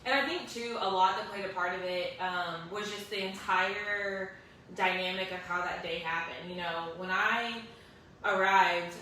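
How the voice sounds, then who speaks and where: A young woman speaks earnestly and emotionally, her voice bright and forceful. She sits away from the microphone in a very echoey room. Faint hiss runs underneath. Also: mid-range voice, recorded from a distance. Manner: earnest, emotional, many fillers. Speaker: guest sharing her story. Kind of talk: emotional personal storytelling.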